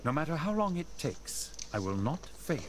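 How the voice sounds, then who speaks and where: A man's voice: on the high side, big pitch swings, normal speed, a little hiss or hum. A man voicing a creepy, devoted butler in a video game, speaking with formal deference. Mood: solemn deference.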